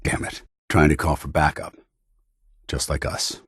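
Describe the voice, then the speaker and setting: A stern, loyal paladin soldier in a video game. His voice is deep and gruff, a little husky, recorded dry and close. He speaks in clipped, commanding, formal military phrases. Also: level tone, unhurried, fairly bright tone, no room sound, full character voice. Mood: somber, regretful. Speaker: military companion character.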